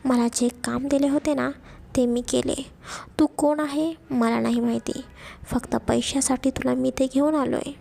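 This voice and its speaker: A woman voicing a rough hired male kidnapper who gives curt, bossy orders in an audio story. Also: high voice, fairly even intonation, a little slow, warm tone, heavily acted. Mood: harsh.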